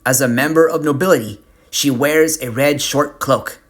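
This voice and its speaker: A man narrating a fantasy storybook tale in a slow, deliberate reading. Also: medium pitch.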